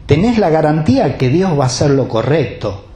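Rioplatense preacher with a lively voice in an echoey hall. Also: male voice, a little high, moderate pace. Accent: Rioplatense Spanish. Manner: conversational preaching, asks the congregation direct questions. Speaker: pastor. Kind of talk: sermon.

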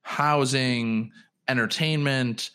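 A man's voice: mid-range voice, steady tone, takes it slowly, sharp tone, clean tone. A man co-hosting a sports podcast, talking casually and rambling through news with frequent restarts. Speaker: podcast co-host.

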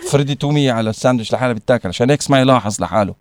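A man's voice: mid-range voice, rapid-fire. A man with a Levantine Arabic accent co-hosting a radio show with joking, teasing, casual banter.

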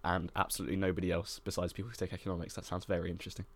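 A man's voice: deep voice, level tone, racing. A young man, a university student, co-hosting a podcast in a casual, rambling chat full of fillers and restarts. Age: young adult. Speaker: podcast co-host.

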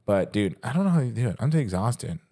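A young man co-hosting a podcast as a fitness coach, rambling and swearing casually in relaxed chat, often saying "dude". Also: medium pitch, fast talker. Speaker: podcast co-host.

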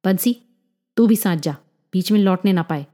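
A woman's voice: medium pitch, normal speed, mellow, lightly acted. A woman voicing a stern, scolding father. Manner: scolding, commanding. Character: stern, impatient middle-aged father.

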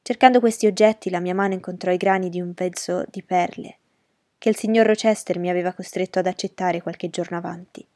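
First-person heroine narrator, woman; measured, emotional delivery, warm tone, dry studio. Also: lowish voice, fairly even intonation, dry recording.

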